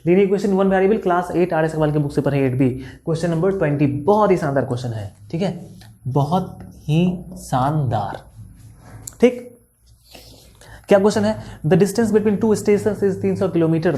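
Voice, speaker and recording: A young Indian maths tutor, tired and speaking softly after a full day of recording, casually explains word problems while writing on a board, chatting, teasing, and addressing students directly. He reads the problem text aloud slowly. His voice is quiet, warm, dark, on the high side, and close to the mic.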